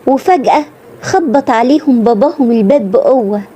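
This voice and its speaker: Brief: Egyptian female storyteller, scripted dramatic narration, warm dark tone. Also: fairly high pitch, fairly quick, husky.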